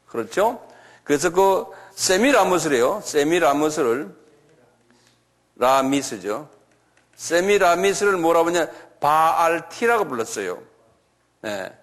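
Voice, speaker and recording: Slow-spoken man giving a church lecture. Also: fairly high pitch. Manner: slow, repetitive, asks the audience questions; spells out and repeats foreign names. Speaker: lecturer on creationism.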